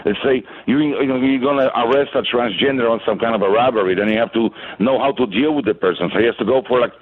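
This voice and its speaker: A man's voice: mid-range voice, fast. A middle-aged man from Poland with a Polish accent, calling in to a radio show over a landline phone, blunt and indignant with salty language. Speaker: caller. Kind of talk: call-in radio chat. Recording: tinny phone line.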